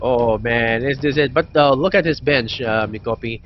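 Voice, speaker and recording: A man co-casts an esports match live, pausing often and filling the gaps with fillers. His voice comes through muffled, lo-fi stream audio. Loud game music plays underneath. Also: mid-range voice. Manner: halting, with many fillers. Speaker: esports caster.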